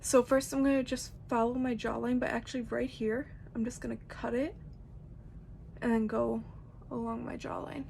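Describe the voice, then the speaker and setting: A woman's voice: fairly high pitch, little pitch movement, moderate pace, gravelly. A young woman giving a casual, chatty tutorial, rambling informally with lots of "like". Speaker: makeup tutorial host.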